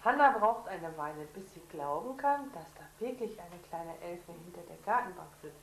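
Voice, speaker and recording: A woman's voice: on the low side, expressive, moderate pace, gravelly. A woman reading a children's storybook aloud at home and patiently asking questions between passages. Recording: echoey room with faint noise.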